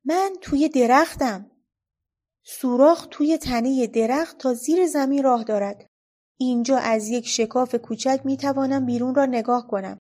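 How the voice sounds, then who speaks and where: A woman voicing a bold, cheeky young girl in a storybook reading, lively and bossy. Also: sits high, pitched above the performer's own voice. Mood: playful.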